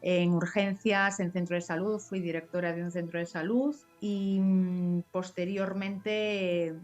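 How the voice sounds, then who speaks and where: A woman in her forties from Galicia, a family doctor guest on a video call, speaking deliberately and repeating words for emphasis. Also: lowish voice, flat delivery, darkish tone, dull audio, faint music behind. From Galicia, Spain. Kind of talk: interview answers.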